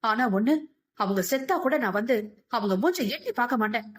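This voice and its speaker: A woman's voice: on the high side, lively intonation, quick pace. Woman voicing a fierce stubborn mother. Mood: furious. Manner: fierce, shouting, defiant. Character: stubborn furious middle-aged mother.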